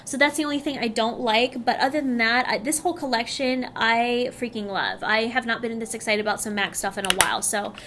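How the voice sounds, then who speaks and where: Female beauty vlogger, thirties, high bright voice, chatty and giggly, faint room ambience. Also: brisk, hardly any pauses, background noise. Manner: bubbly, chatty, laughs often. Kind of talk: casual product review.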